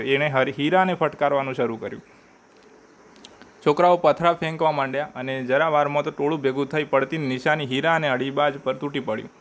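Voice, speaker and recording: A man reading a short story aloud in a measured way, sometimes stopping to restart a word. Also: fairly high pitch, a bit bright.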